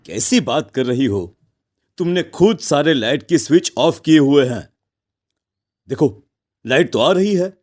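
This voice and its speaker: A man voicing Akhil, a calm young husband in a cartoon story, reassuring and a little dismissive. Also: a little high, measured pace, long pauses.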